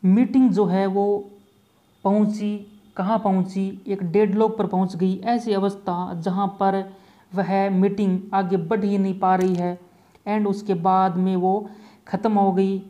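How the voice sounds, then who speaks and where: A man teaches a vocabulary lesson for exam prep, explaining each word slowly, repeating key points, and mixing English terms into Hindi. His voice is high and warm, with little pitch movement.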